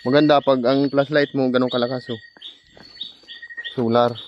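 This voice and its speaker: A man vlogging outdoors at night among trees, excitedly pointing out finds and directing a companion. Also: medium pitch, moderate pace, muffled recording, slight background noise. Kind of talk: casual outdoor vlog narration.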